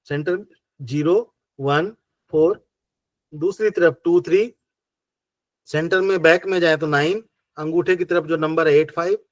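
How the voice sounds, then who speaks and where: A high-voiced man with a Hindi accent explains acupressure during an online class. He goes step by step and patiently, asking rhetorical questions again and again. There's no room sound.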